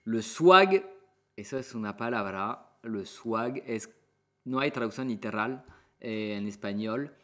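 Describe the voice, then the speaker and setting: A man from France with a French accent, teaching a language lesson and repeating words slowly for practice. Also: fairly low pitch, expressive, fairly bright tone.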